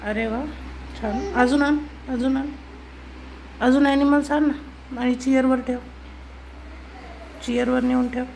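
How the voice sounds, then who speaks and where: A woman filming her toddler at home on a phone, patiently repeating gentle instructions to coax the child. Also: high-pitched, fairly even intonation, slow, pauses often, slight background noise, low-quality recording. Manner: patient, repetitive, gently coaxing. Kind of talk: coaxing a small child on camera. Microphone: phone camera.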